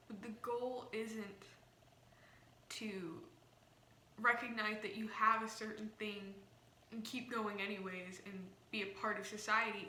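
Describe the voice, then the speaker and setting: A young woman talks in a bright, forward voice with a slight retainer-like lisp, rambling casually as she explains things. The room is echoey, with a faint noise underneath. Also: medium pitch. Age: young adult. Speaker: vlogger. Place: small indoor room. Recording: roomy echo, faint background noise.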